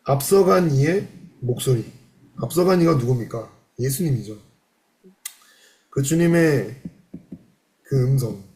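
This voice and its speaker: A man's voice: medium pitch, animated, unhurried, pauses often, a little mellow. A male pastor preaching a sermon, reading passages aloud and explaining them with rhetorical questions in a church. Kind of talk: sermon on a devotional classic.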